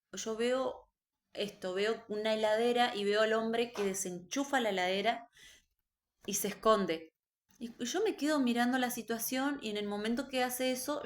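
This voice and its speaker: A woman giving an earnest, emotional religious testimony about a vision, told slowly. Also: fairly high pitch. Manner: earnest, slow, emotional storytelling. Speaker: believer recounting a vision.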